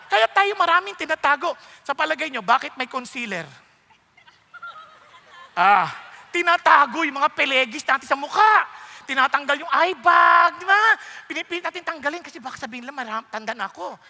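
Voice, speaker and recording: A man preaching a sermon in a church hall, animated and playful, telling stories and joking asides. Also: very high-pitched. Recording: long reverb of a large hall.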